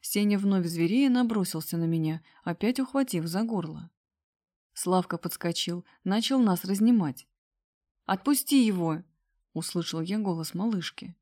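A woman narrating a first-person story as an audiobook, in steady storytelling. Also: lowish voice, moderate pace.

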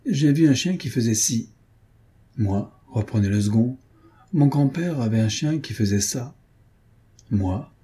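A man narrating a classic short story for an audiobook in a measured, wry way. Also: on the low side, dark tone, husky.

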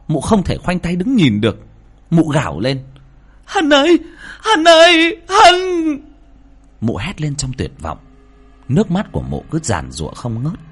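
A man's voice: medium pitch, a little mellow, husky. A man reading a horror story aloud in a dramatic, swinging delivery, with faint music underneath. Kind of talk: scripted horror narration.

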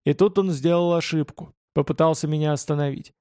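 A man's voice: a little high, fairly even intonation, fairly quick, warm tone, clear, resonant tone, dry recording, studio quality. Man reading a first-person audiobook. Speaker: audiobook narrator.

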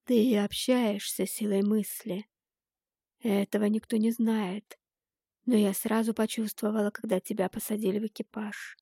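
A woman reading the part of a calm, unyielding mother who speaks quietly and slowly, with a gravelly edge and a dry sound. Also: medium pitch, no room sound. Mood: pleading. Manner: calm, quiet, slow and measured.

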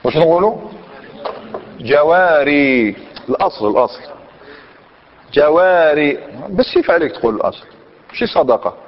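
Male grammar teacher, fairly high voice, quizzes his students, lo-fi recording with long echo. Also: big pitch swings, quick pace, pauses often, slight background noise. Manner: questions the class and repeats answers. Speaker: Islamic scholar teaching Arabic grammar. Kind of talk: classroom grammar lesson. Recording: dull lo-fi recording in a reverberant hall.

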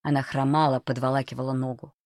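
Low-voiced woman narrating a tense storybook. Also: level tone, quick pace, darkish tone, no echo, studio quality. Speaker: audiobook narrator. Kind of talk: scripted narration.

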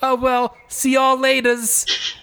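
A man putting on a high, squeaky, drawn-out voice for an excitable male buddy hosting a party. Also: smooth, heavily acted. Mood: excited.

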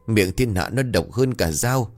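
A man's voice: fairly low pitch, expressive, a little slow, a little mellow, faint music behind. A man voicing an anxious village wife and mother who speaks in a trembling, pleading way. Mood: fretful.

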